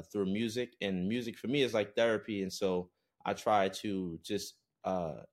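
A young man from Brooklyn, New York talks as a podcast guest with a very low voice. His casual chat is loose and relaxed and full of "uh" fillers. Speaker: podcast guest, recording artist.

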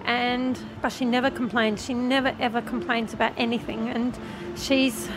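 High-pitched, flustered middle-aged Australian woman. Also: level tone, normal speed. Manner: flustered, rambling, down-to-earth. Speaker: radio competition winner. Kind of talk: casual live on-air chat. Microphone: handheld microphone. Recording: clearly noisy background ambience.

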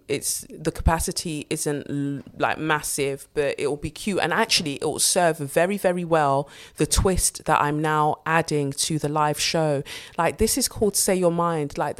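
A woman with a London accent hosting a podcast in casual solo chat, candid, playful, slangy and sweary. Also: deep voice. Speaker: podcast host.

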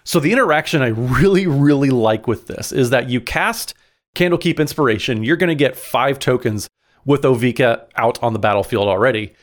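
An upbeat man co-hosting a casual chat podcast, his voice sitting at an ordinary middle pitch. He talks with eager enthusiasm and reads game card text aloud in an easy, conversational way. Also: moderate pace. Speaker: podcast co-host.

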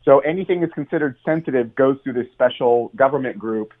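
A brisk, medium-pitched male voice comes through a tinny phone line: an American journalist from the United States guesting on talk radio. His explanation runs long and earnest, peppered with ums and restarts.

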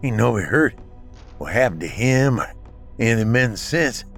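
A man's voice: mid-range voice, expressive, moderate pace, a bit bright, soft background music, pitched above the performer's own voice. A man voicing a bitter male Confederate bushwhacker soldier who slurs his words and breathes heavily. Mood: pleading.

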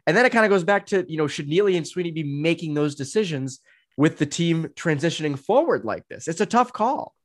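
A man's voice: on the high side, lively intonation, a little fast. A man appearing as a guest on a sports podcast, chatting casually and thinking aloud with lots of "um" and "you know".

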